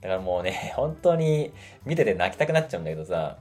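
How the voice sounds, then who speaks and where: A man talking in a casual monologue as a podcast host. He is chatty and animated and acts out quotes in a raised voice. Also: low-pitched, fast talker, faint music behind.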